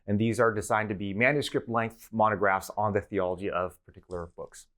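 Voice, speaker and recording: A middle-aged man from the United States, a professor being interviewed, talking in a relaxed way and telling personal stories with fillers and restarts. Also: lowish voice, a little fast. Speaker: guest professor. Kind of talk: conversational interview.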